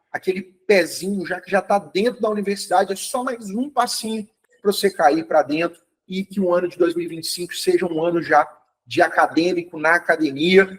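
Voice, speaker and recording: High-pitched and husky, with a fairly bright tone, this man is heard on a rough recording. His live online chemistry review is upbeat and supportive, and he calls out students by name while frequently confirming they follow.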